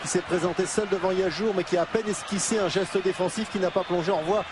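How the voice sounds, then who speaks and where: A man's voice: high voice, fairly even intonation, fast talker. A man giving live football commentary as second commentator, analysing replays in hesitant, tag-filled phrases. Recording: clear ambient noise behind the voice.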